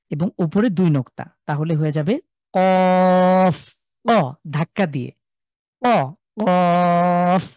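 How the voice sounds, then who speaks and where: A man's voice: on the high side, mellow, no echo, clean studio sound. A man with a Sylheti Bengali accent teaching a live online class, patiently drawing out and repeating each sound for his students. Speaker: Quran recitation teacher.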